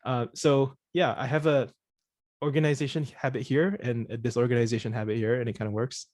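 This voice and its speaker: A man's voice: mid-range voice, little pitch movement, fairly quick, darkish tone, dry recording, clean studio sound. A man from Singapore answering questions in casual conversation, often restarting and repeating words. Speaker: presenter of the course session.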